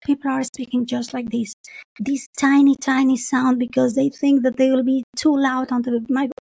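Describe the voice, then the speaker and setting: On a relaxed podcast, this woman guest has a high, gravelly voice and talks at normal speed over a dry recording. Her delivery is expressive and full of laughter, and she performs the quoted voices.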